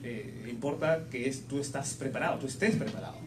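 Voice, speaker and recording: A man of medium pitch interprets a sermon phrase by phrase, moving fairly quickly while pausing now and then to rephrase. The recording has an echoey room sound with clear background noise.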